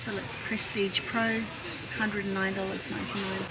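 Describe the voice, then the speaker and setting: Her voice is creaky, at normal speed and with little pitch movement, as this shopping vlogger chats casually and thinks out loud while browsing. She's in a large indoor warehouse store, recorded on a handheld camera by someone behind it, with loud ambience, rumble and hum all around.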